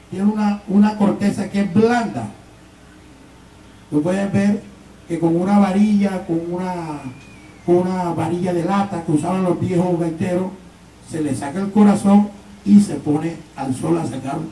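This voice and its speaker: A man with a Colombian Caribbean Spanish accent explaining instrument making in a live demonstration, step by step and haltingly, recorded on a distant mic in a roomy space. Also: sits high, mellow, slight background noise. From San Juan Nepomuceno, Colombian Caribbean. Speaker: gaita musician and instrument maker.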